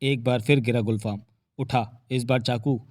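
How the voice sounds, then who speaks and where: A man's voice: medium pitch, fairly even intonation, moderate pace, a little mellow, no room sound. Man reading a Hindi novel dramatically. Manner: vivid storytelling. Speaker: audiobook narrator.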